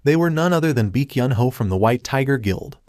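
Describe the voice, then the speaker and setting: A man narrating a manhwa recap in an even storytelling manner. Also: mid-range voice, fairly quick, dry recording, clean studio sound.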